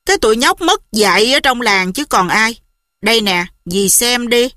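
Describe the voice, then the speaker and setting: A woman's voice: fairly high pitch, lively intonation, moderate pace, sharp tone, no echo, clean studio sound. A woman voicing a blunt, indignant village woman who talks in a scornful, matter-of-fact way in an audiobook. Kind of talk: audiobook character voice.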